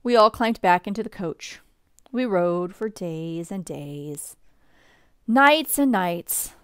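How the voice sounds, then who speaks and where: A woman reads a bedtime story aloud at an unhurried pace. Her voice sits in a middle register and sounds dry and close to the mic, with lively lifts whenever characters speak. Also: mid-range voice, clean tone, no room sound. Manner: slow, expressive reading with lively shifts for quotes. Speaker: storybook reader.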